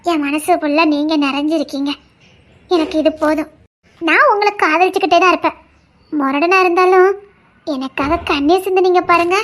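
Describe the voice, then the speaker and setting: A woman's voice: very high-pitched, moderate pace, long pauses, fairly bright tone. A woman voicing a stubborn, loving young wife in an audio drama, talking earnestly and insistently. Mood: devoted, pleading.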